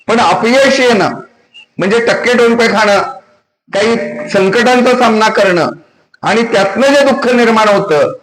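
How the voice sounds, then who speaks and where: A man's voice: high voice, fairly bright tone, roomy sound, slight background noise, poor audio. A man giving a devotional sermon, telling a story to students in an emphatic, repetitive way. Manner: storytelling, emphatic, repeats phrases. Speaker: kirtan preacher.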